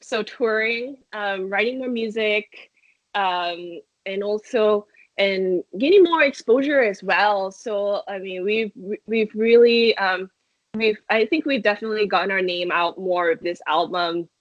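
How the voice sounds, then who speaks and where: Speaking a little slowly at medium pitch, a young Malaysian woman from a metal band chats through interview answers, restarting often, using many fillers and laughing a lot. There's no room sound; the audio is dry, dull and lo-fi.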